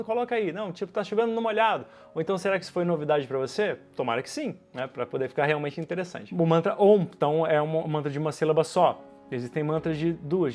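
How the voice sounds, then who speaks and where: A man's voice: on the high side, darkish tone. Chatty male yoga teacher explaining. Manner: chatty, asks rhetorical questions and checks in with "ok?". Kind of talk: casual explanatory lesson.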